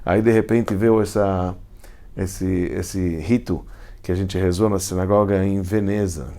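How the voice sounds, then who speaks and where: A man's voice: low voice, fairly even intonation, a little slow, dark tone. A man, a rabbi teaching Hebrew letters in a class, explaining step by step and often asking if students follow. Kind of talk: classroom lecture.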